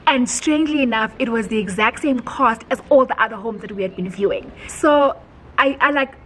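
A young woman tells a story in a casual sit-down home vlog, animated and heartfelt, with many filler words. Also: on the high side, brisk, slightly rough, low-quality recording. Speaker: vlogger. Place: home, indoors.

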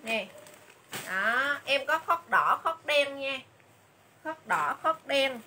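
A woman doing a livestream sales pitch for clothes, chatty and repeating item names and prices again and again. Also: lively intonation, slow pace, pushed and bright, slight background noise. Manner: chatty, calls viewers "dear sisters".

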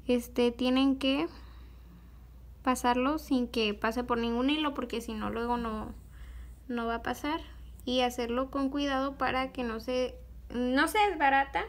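A young woman giving a slow, patient, step-by-step beadwork tutorial, pausing often on fillers as she works. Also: sits high, steady tone.

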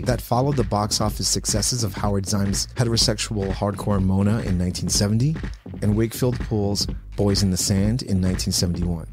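A man narrating a scripted video essay in a measured, informative way. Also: on the low side, noisy background. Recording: voice-over with music underneath.

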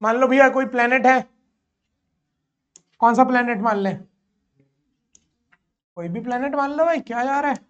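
Here a physics teacher with a very high, slightly bright voice lectures a class in Hindi laced with English words, heard through a muffled recording. He asks himself questions and answers them, then drops to a crawl when dictating.

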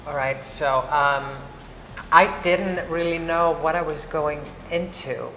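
This casual interview features a chatty woman from Iceland whose low voice is a bit bright; she speaks slowly, with frequent fillers and restarts. Faint music sits behind her, and the lapel mic also catches the roomy echo and faint ambience of a large, bright hall fitted with wood screens.

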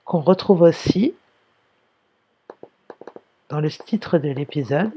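A primary school teacher giving a slow, careful reading lesson to young pupils, sounding out and spelling words one by one. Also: medium pitch, animated, breathy edge, highs cut off.

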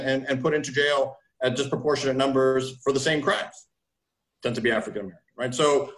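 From a home room hung with framed pictures, a historian speaks as a guest in an academic video-call discussion, his mid-range voice fairly bright. He is thoughtful and explanatory, restarts phrases, and keeps closing points with "right?". The audio has a roomy, video-call quality.

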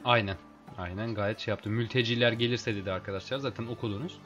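A man casually commenting on a video game as he plays, chatting with his viewers as friends and getting excited in fights. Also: lowish voice, quick pace, lo-fi sound, soft background music. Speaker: let's play host.

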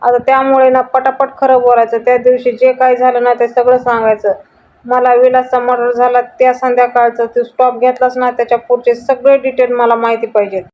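Taunting female boss, read by a woman, flat delivery, dull lo-fi sound. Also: fairly high pitch, brisk, lightly acted. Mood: demanding. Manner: taunting, mocking. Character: scheming sharp-tongued female office boss. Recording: dull lo-fi audio.

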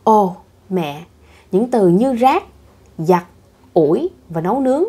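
A young bride pleads with her mother in a tearful way, as read by a woman. The voice is husky, and the reading is unhurried. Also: medium pitch, animated, dark tone, full character voice.

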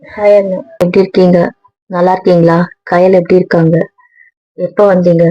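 A woman's voice: lowish voice, level tone, normal speed, mellow, no echo, soft background music. Pleading woman, dry muffled audio. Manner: pleading, apologetic. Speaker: young doctor in a family drama. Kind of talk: emotional drama acting.

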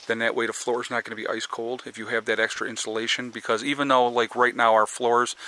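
A man's voice: medium pitch, little pitch movement, quick pace, bright, forceful tone, dry recording. Man giving a rambling camper tour. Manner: loose, rambling, addresses viewers directly. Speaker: homestead vlogger. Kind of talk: casual walkthrough chat. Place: outdoors by a camper, then inside it.

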